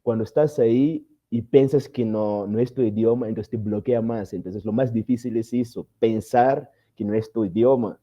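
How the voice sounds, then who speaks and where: Man, podcast guest, hesitant casual talk, very dark mellow tone, muffled lo-fi sound. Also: medium pitch, moderate pace, few pauses. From Mozambique. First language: Portuguese. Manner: hesitant, restarts words, thinks aloud. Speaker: podcast guest, dance teacher. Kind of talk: casual interview chat.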